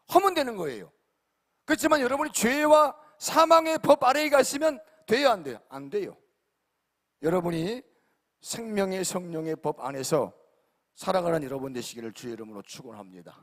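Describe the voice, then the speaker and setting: A male pastor preaching an emphatic sermon, repeatedly questioning his congregation and swinging between loud and quiet. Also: sits high. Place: large church sanctuary. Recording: long hall reverb.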